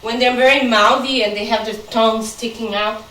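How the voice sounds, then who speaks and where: A woman dog trainer calmly explaining how she corrects a puppy, giving short firm commands. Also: on the high side, brisk, echoey room, recorded from a distance, low-quality recording. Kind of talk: instructional chat during training.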